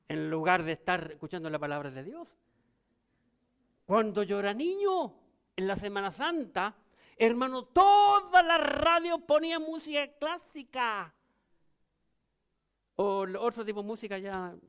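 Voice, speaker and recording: An older pastor with a Chilean accent delivers a sermon, swinging between loud, emphatic lines and low, hushed ones. His voice is smooth.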